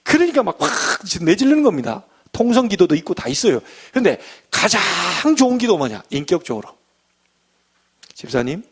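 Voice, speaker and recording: A man delivers a church sermon, pitched a little high and full of animated rises and falls. He preaches in an easy, conversational way and keeps slipping into acted-out bits of everyday talk. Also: brisk, husky. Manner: lively, conversational preaching, acting out little scenes. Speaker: pastor.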